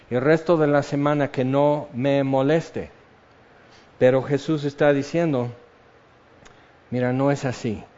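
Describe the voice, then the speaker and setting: A man preaching a sermon, slow and measured, repeating key phrases for weight. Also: on the high side, a little mellow. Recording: dull lo-fi sound.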